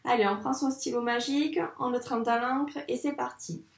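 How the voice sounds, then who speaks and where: A woman teaching young children handwriting, speaking slowly and encouragingly and addressing the child directly. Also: a little high, fairly even intonation. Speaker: primary school teacher. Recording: echoey room, voice a bit far from the mic.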